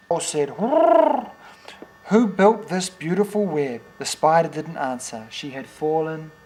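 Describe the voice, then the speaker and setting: A man's voice: a little high, a little slow, darkish tone. An older man, playfully reading picture books to a toddler at home, with teasing questions and animal noises.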